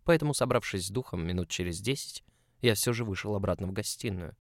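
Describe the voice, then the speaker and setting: Low-voiced man narrating a story. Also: quick pace, gravelly, no room sound, studio quality. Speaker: audiobook narrator. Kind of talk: first-person story narration.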